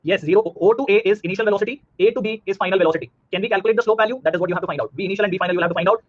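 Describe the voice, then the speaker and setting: A man in his thirties with an Indian accent teaches a live online physics class in a high-pitched, rapid-fire voice. He repeats himself and asks questions to check understanding, and the audio is slightly muffled.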